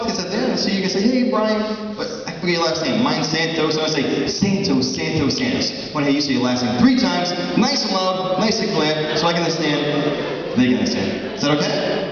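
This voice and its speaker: A man hosting a comedy hypnosis show, giving commanding, repetitive instructions and quick teasing questions to volunteers. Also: fairly high pitch, animated, faint music behind. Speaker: stage hypnotist, show host. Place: large echoing hall with a live audience. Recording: echoey hall from far off, dull sound, audience noise.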